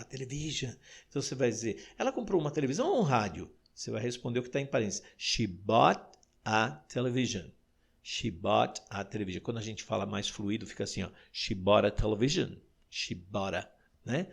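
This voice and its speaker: A man who speaks Portuguese natively, teaching an English lesson, explaining patiently and saying example phrases slowly. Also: medium pitch, gravelly, husky. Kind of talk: recorded audio lesson.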